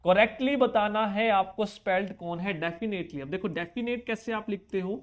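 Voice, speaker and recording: Man spelling out words for a class. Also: high voice. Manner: spells words letter by letter, repeats key points; coaxing students with quick check-back questions. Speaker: teacher. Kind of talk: exam prep spelling lesson.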